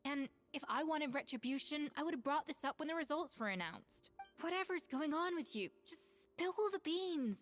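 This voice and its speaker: An actress playing a self-assured young woman head chef in a video game, measured, firm and slightly wry. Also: high voice, expressive, soft background music. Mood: calm, coaxing.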